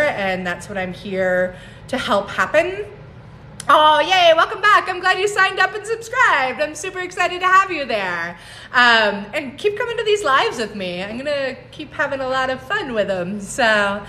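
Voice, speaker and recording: A woman's voice: on the high side, sharp tone, a little hiss or hum. A woman in her forties, a herbalist, chatting casually on a phone livestream, laughing often and greeting viewers by name. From United States. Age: 40s. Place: home on a mountain, indoors.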